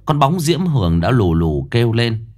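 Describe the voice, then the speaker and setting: Lively male ghost-story narrator. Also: medium pitch, moderate pace.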